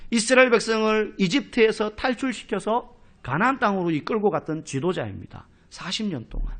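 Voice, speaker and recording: A male pastor preaching an expository sermon in a church, telling stories in an animated way and acting out quoted speech. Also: high-pitched. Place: church sanctuary.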